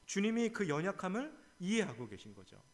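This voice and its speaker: A man's voice: high-pitched, brisk. A male pastor preaching an early-morning sermon, telling the story with feeling and acting out the voices in it. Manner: animated, acts out quotes dramatically.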